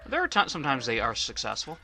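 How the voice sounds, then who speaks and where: A man's voice: medium pitch, wildly swooping pitch, fast talker, vocal fry, pushed and bright, faint music behind. A man giving casual let's play commentary, rambling and often stuttering on the first syllables of words.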